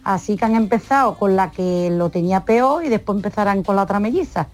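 A woman's voice: mid-range voice, a little fast, soft background music. An older woman from Seville with an Andalusian accent, calling in to a radio show and chatting affectionately, rambling through a long family story. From Seville, Spain. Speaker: caller. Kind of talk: casual chat.

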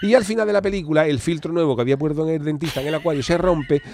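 A man with a Cádiz Andalusian accent, retelling a film as comedy, fast and joking, acting out the characters' lines. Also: a little high, darkish tone, slight background noise. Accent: Cádiz Andalusian Spanish. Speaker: comic film reviewer on a radio show.

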